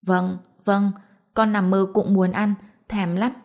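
The ghost of a young daughter, sweet and clingy, coaxing her mother for favourite food in a storybook, as a woman narrator reads her. The voice rises a little higher than the narration. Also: little pitch movement, takes it slowly, a little mellow.

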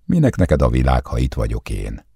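A man doing a bottle of wine come to life, soft and intimate, coaxing and possessive, with a husky, dark grain in its voice that is lifted higher than the reader's own. It speaks in a close, dry storybook recording. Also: huge pitch swings, no echo, full character voice.

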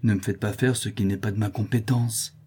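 A man's voice: lowish voice, steady tone, brisk, warm tone, breathy edge. A man voicing a proud young woman in an audiobook, curt, cold and disdainful.

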